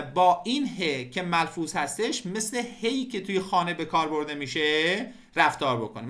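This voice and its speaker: A man with an Iranian Persian accent walks through a software tutorial step by step, pausing on fillers as he explains. His voice sits a little high and rings bright and forceful. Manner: explanatory, talks the viewer through each step with frequent fillers. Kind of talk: screen-recorded software tutorial.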